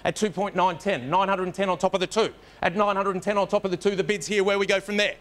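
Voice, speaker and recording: High-pitched, rapid-fire male auctioneer. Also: steady tone, a bit bright. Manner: repetitive rapid-fire chant of bid figures; urging, addressing the room directly. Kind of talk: live auction bid calling.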